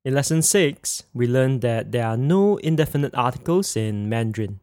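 Man, language teacher, scripted lesson narration, clear explanations, dry studio sound. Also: medium pitch, lively intonation, a little mellow, dry recording. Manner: clear explanatory, reads example phrases slowly.

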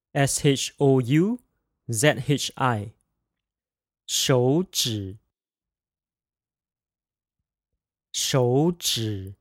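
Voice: medium pitch, darkish tone, dry recording, studio quality. A language teacher practicing Mandarin tones in a drill, carefully enunciating each word and spelling out syllables letter by letter.

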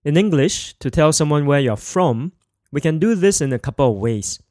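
A man teaching a podcast language lesson, speaking clearly and slowing down to repeat words for learners. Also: fairly high pitch, animated, darkish tone, no room sound, clean studio sound. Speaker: Mandarin teacher.

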